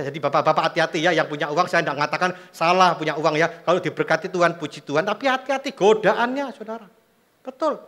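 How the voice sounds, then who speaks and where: A middle-aged man, preaching a sermon as pastor, telling animated stories with quoted voices and jokes. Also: high-pitched.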